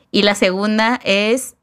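A woman's voice: mid-range voice, a bit bright. A woman with a Mexican accent, co-hosting a podcast and patiently explaining music terms with frequent fillers and laughter. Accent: Mexican Spanish. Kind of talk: casual explanatory chat.

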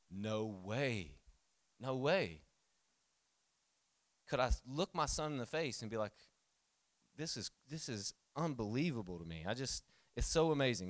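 A man, preaching a sermon in a lively, conversational way with jokes and asides. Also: lowish voice, no room sound. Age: 30s. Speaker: pastor.

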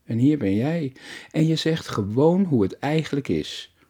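A man voicing a lonely, grieving old widow who speaks gently and reflectively, in an audiobook story. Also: on the high side, expressive, measured pace, breathy edge, voice pushed up. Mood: grateful.

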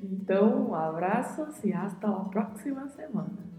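A woman with a Brazilian Portuguese accent hosting a podcast Spanish lesson, explaining pronunciation patiently and slowly. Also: medium pitch, animated. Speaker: podcast host, Spanish teacher. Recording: roomy echo with soft music.

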